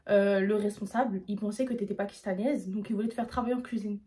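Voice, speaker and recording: A young woman from France telling a storytime on her vlog, casual and slangy, acting out what people said to her. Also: medium pitch. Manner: fast, slangy, animated retelling. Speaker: YouTuber.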